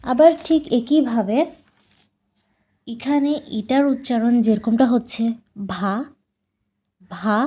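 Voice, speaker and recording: A woman's voice: on the high side, measured pace, pauses often, warm tone. A woman teaching a language lesson, patiently repeating each sound several times as she explains.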